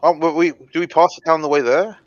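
A man's voice: on the high side, fairly even intonation, quick pace, dull audio. A man playing a tabletop game, casual and blunt, laughing along with the table. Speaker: player.

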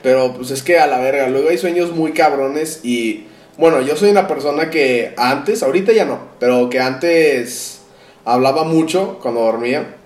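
A man's voice: mid-range voice, moderate pace. A young man with a Mexican Spanish accent talks in a laid-back, slang-heavy way and leans on fillers. He sits back from the microphone. The room around him rings with echo. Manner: slangy, relaxed, full of fillers. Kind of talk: casual chat among friends. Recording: roomy, distant mic.

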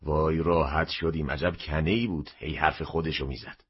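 A man's voice: a bass voice, steady tone, breathy edge. A man voicing a gloomy, curt shopkeeper who grumbles at customers in an audio story. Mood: irritated. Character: gruff gloomy male shopkeeper, dry and curt. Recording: dull lo-fi recording.

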